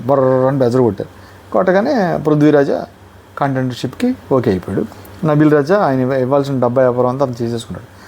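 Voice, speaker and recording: Male reviewer, Telugu accent, mid-range voice, animated casual recap, faint ambient hum behind. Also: medium pitch. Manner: animated retelling, mimicking contestants' lines. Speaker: reality show reviewer.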